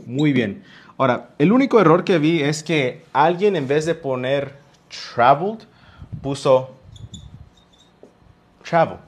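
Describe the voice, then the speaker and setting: A man's voice: a little high, expressive, normal speed. A male English teacher with a Mexican Spanish accent, patiently explaining grammar in a live online class and drawing out his examples.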